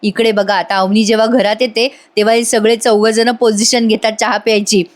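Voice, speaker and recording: A woman with a somewhat high voice narrates an episode recap. She speaks chattily and keeps turning to her viewers. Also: flat delivery, brisk. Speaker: serial reviewer.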